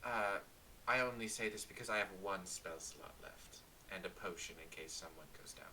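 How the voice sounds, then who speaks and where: A man's voice: deep voice, normal speed, sharp tone, slight background noise, rough recording. A man playing a tabletop game, speaking politely and a little formally to other characters. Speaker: player. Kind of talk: casual tabletop game chat.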